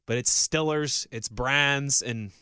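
A man's voice: medium pitch, takes it slowly, sharp tone, clear, resonant tone, no echo, studio quality. A man co-hosting a sports radio show in casual chat, often repeating phrases for emphasis.

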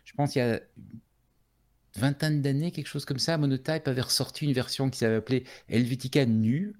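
A man's voice: mid-range voice, steady tone, brisk. Chatty man explaining at length. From Switzerland. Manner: explanatory, many fillers and restarts. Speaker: podcast co-host. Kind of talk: casual tech podcast chat.

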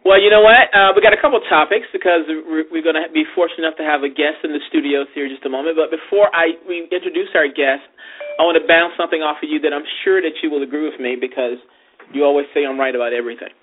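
A man's voice: on the high side, quick pace. A man hosting a podcast in casual, conversational debate. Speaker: podcast host. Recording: thin phone-like radio sound.

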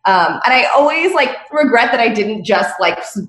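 A woman's voice: on the high side, expressive, moderate pace, fairly bright tone, echoey room. A woman from Las Vegas, a dancer, talking hesitantly with many fillers in a casual interview over a video call from home. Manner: hesitant, many ums and likes. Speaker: dancer guest.

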